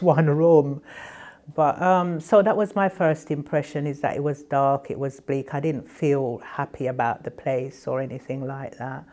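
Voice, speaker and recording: A woman's voice: deep voice, a little mellow. Older woman telling vivid memories. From Jamaica. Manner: vivid, reflective storytelling. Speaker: interviewee. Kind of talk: documentary interview.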